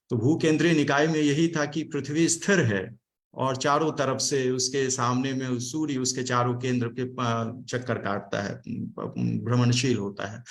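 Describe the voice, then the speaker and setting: A man from Delhi giving a formal academic talk and thanks on a video call, explaining word meanings with hesitant fillers. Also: medium pitch. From Delhi, India. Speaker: speaker giving vote of thanks at online event.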